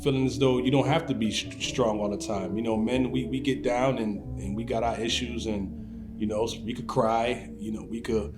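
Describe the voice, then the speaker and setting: A man's voice: medium pitch, steady tone, moderate pace. A man in his forties talking frankly and conversationally in a testimonial. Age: 40s. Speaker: program participant. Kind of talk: testimonial interview. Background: guitar music.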